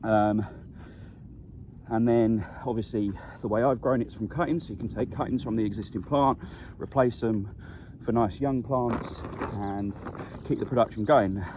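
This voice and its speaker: A man, a vegetable grower chatting casually through a farm vlog, relaxed and explaining things as he works outdoors. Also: fairly low pitch, normal speed, a little hiss or hum.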